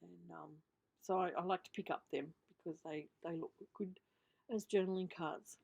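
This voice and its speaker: A woman in her fifties with an Australian accent gives a chatty, unscripted show-and-tell voiceover as a craft vlogger, rambling, often trailing off and correcting herself. A missing tooth gives her a slight lisp. Her low-leaning voice is husky, a little mellow, with vocal fry, fairly even intonation and normal speed.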